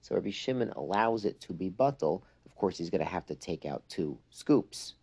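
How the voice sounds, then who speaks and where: Male religious teacher, low relaxed voice, explanatory and emphatic, informal lesson mixing English with Hebrew and Yiddish terms. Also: normal speed, creaky, slightly rough.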